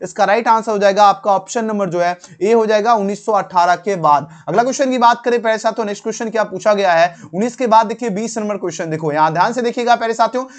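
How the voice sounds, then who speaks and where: High-voiced man teaching an exam key. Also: quick pace, few pauses. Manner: calls viewers "dear friends", repeats each question and asks them to answer; full of fillers. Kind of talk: exam answer-key walkthrough.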